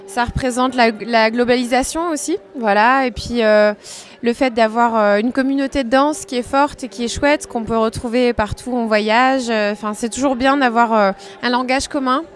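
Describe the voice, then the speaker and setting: A dancer from France answering interview questions in a loose, chatty way. She hesitates often and fills pauses as she thinks. Her voice sits on the higher side for a woman. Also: steady tone. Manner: hesitant, many fillers. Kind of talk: casual interview chat.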